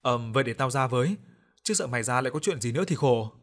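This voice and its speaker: A man plays a talkative young woman, the heroine's best friend, in a horror audiobook. She speaks bluntly and briskly, scolding and teasing in the same breath. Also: mid-range voice, expressive, natural voice.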